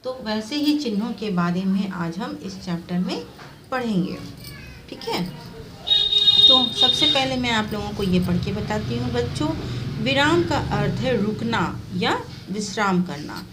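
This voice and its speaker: A woman teaching a primary school Hindi class, patiently explaining grammar to children and reading out examples slowly. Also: medium pitch, lively intonation, heavy background noise.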